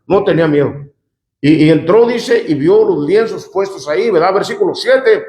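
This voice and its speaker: Male pastor, conversational sermon with call-and-response asides, slightly high voice, echoey church sound. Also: lively intonation, normal speed, a little mellow. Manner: conversational, often asks the congregation "¿verdad?" and "¿cuántos dicen amén?". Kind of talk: sermon reading scripture aloud with commentary.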